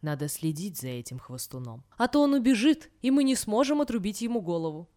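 A woman's voice: mid-range voice, very animated, brisk, mellow, lightly acted. A woman reading a folk tale aloud, voicing a harsh, short-tempered male king who gives scornful orders. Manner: commanding, scornful.

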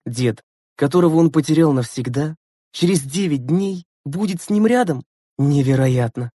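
A man narrating a children's audiobook in an even, measured way. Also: on the high side, husky, dry recording, studio quality.

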